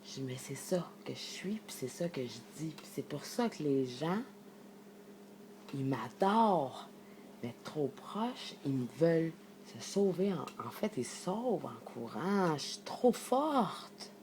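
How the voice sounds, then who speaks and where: A woman's voice: deep voice, lively intonation, measured pace, a little mellow, slight background noise. A woman with a Québécois accent speaking in a casual vlog monologue. She is emphatic, rambling and swears freely. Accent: Québécois French. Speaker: vlogger sharing her thoughts. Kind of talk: casual spoken monologue to camera.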